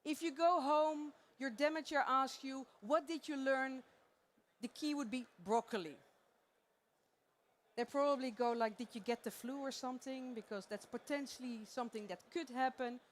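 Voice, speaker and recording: With a high voice and normal speed, a Dutch-accented conference presenter from the Netherlands chats playfully on stage during a live talk, laughing frequently. A slight hiss or hum sits in the recording.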